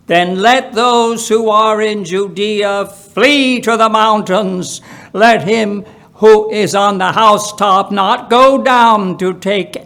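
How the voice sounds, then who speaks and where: Reading the Bible at church, a man with a notably high and slightly bright voice proceeds at a very slow pace. He sounds solemn and measured, pausing between phrases and stressing them.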